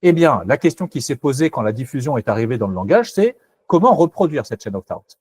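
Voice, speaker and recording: A man's voice: medium pitch, very animated, a little fast, a little mellow, breathy edge, no room sound. A man presenting a technical webinar, hesitant and self-correcting, candid and skeptical in tone.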